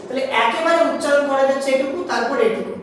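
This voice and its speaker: Woman teacher, Bengali accent, higher voice, distant mic, big echoing room. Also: a little hiss or hum. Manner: explains step by step, asks students questions, sounds out syllables slowly. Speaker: English grammar teacher. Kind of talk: classroom lesson. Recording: echoey hall, voice from a distance.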